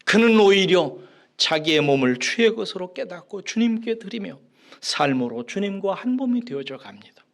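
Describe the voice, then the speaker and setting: Animated, high-pitched Korean-speaking preacher. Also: male voice, moderate pace, creaky. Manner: dramatic swings from hushed whispers to raised emphatic lines. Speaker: pastor. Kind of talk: sermon.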